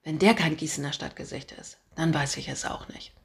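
Lower-voiced woman reading her own first-person story, lively and ironic. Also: a little fast, creaky. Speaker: author reading her book. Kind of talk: scripted narration, reading aloud.

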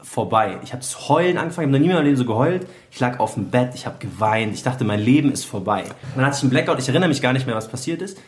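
A man's voice: medium pitch, lively intonation, rapid-fire, hardly any pauses. A young man telling a personal story in casual chat, earnest and vivid, acting out quotes and dropping English slang.

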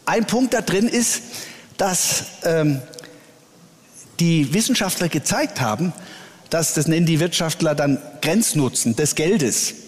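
Earnest church leader in a reverberant room. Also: male voice, a little high, animated, a little slow. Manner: earnest, with frequent hesitations. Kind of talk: interview answers. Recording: long reverb.

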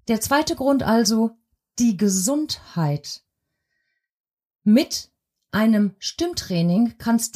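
A woman voice coach teaching in a podcast lesson, explaining deliberately and speaking straight to the listener. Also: medium pitch, dark tone. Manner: addresses listener directly.

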